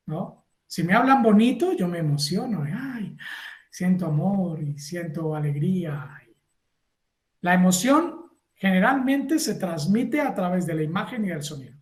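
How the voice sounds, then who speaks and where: Animated lecturer in an echoey room. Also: male voice, high voice. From Colombia. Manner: animated, acts out little scenes and asks the class for agreement. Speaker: university lecturer. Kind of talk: classroom lecture.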